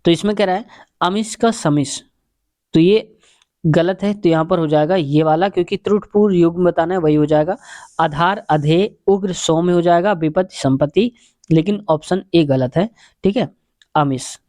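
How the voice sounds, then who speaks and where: A man's voice: a little high, normal speed, a little mellow, no room sound, studio quality. A man explaining exam questions in a casual lesson, chatty and repetitive, calling his viewers friends. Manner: chatty, repeats answers, addresses viewers as friends. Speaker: exam-prep teacher.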